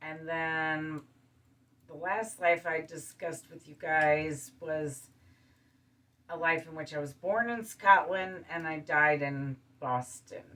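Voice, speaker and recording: A woman hosting her show, talking calmly in a casual monologue and listing things one by one. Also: low voice, slow pace, distant mic. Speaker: show host. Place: studio.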